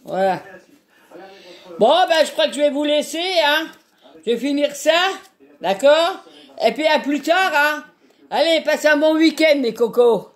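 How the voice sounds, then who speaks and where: Chatty older Frenchwoman, a touch high. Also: animated, a little slow, pauses often. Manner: earthy, chatty, constant "hein" tag. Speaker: home cooking vlogger. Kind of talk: casual chat while peeling vegetables.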